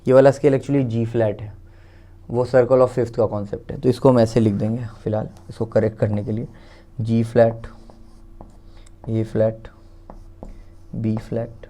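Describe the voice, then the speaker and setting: A man's voice: medium pitch, mellow. A man with an Indian accent teaching a casual music theory lesson, thinking aloud, counting out steps one by one and correcting himself as he writes. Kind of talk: casual explanatory lesson while writing.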